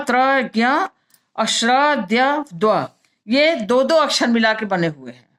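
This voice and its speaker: A woman teacher walks through a grammar lesson in a slightly high voice. She explains patiently, repeats each point, and checks in with her listeners as she goes. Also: a bit bright. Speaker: Sanskrit teacher.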